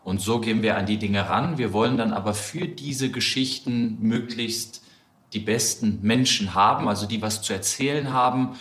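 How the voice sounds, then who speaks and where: A man with a lowish voice answers interview questions in a measured, explanatory way. His audio comes through a degraded, low-quality stream. The sound is roomy and echoing. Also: a bit bright. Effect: low-quality remote audio. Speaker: podcast guest, communications head.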